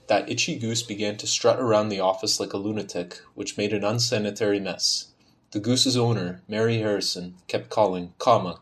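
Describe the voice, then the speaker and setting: This fairly low-pitched young adult is a university student and dialect archive speaker from Ontario, Canada, originally born in Bosnia, who grew up with Serbian. His Canadian accent shows a slight Serbian touch. He reads a prepared passage steadily and carefully, then shifts to a relaxed self-introduction full of hesitation and filler words.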